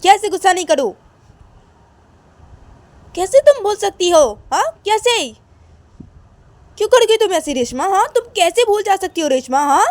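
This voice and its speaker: A woman voicing Kajal, a hot-tempered young woman scolding her partner with loud repeated questions. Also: medium pitch, normal speed, slightly rough, close to an everyday voice. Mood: angry scolding. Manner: shouting angry questions, repeating "हाँ?".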